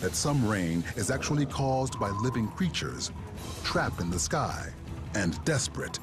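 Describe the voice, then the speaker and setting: A man's voice: medium pitch, expressive, measured pace. A man narrating a nature documentary from a script, with dramatic storytelling delivery. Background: music under the voice.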